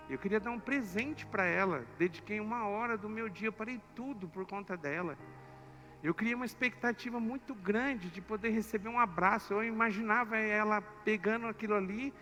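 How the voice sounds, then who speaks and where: Male pastor, high, bright voice, animated storytelling, reverberant church. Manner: emotional and animated, acting out the story. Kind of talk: sermon storytelling. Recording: echoey church hall with soft music.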